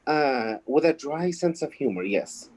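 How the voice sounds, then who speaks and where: A man from Kuwait, an Arabic speaker, chatting casually and explaining things in a halting way. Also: fairly high pitch, expressive, a little mellow. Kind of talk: casual chat.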